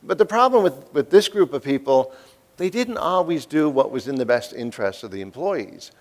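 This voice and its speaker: A man in his fifties from the East Coast delivers a folksy, joking keynote, putting questions to the audience. His medium-pitched voice is expressive and moves at a normal speed.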